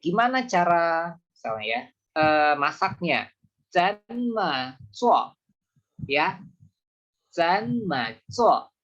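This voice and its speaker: A man's voice: a little high, very animated, fairly bright tone. Patient man teaching over a video call. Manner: patient, explains slowly with repeated examples. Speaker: Mandarin teacher. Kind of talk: online class teaching. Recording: muffled video call audio.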